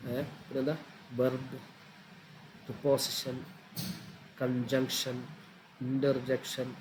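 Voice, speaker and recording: A man's voice: medium pitch, darkish tone, slight background noise, poor audio. A man teaching an informal online religious class, chatty and repetitive as he explains things step by step.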